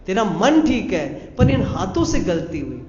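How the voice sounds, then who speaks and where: A man's voice: high-pitched, very animated, a little slow, darkish tone. A man voicing a kindly, authoritative male deity in a sermon story. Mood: solemn. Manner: solemn, explaining. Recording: echoey hall, dull sound.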